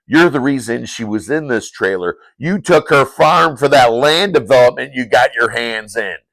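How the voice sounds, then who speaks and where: A man voicing a dismissive, crooked male small-town sheriff in a loud, scolding tone. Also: medium pitch, expressive, normal speed, no echo, pitched above the performer's own voice, poor audio. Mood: scornful.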